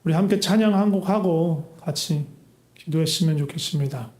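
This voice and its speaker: A man with a high, mellow voice preaches an earnest sermon, pressing his listeners with rhetorical questions. His words ring out through an echoey church hall. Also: moderate pace. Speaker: pastor. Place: church sanctuary.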